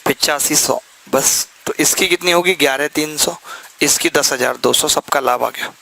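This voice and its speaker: Bright, playful maths teacher man. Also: a little high, moderate pace, gravelly, low-quality recording. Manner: joking, teasing students between explanations. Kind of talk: live classroom maths lesson.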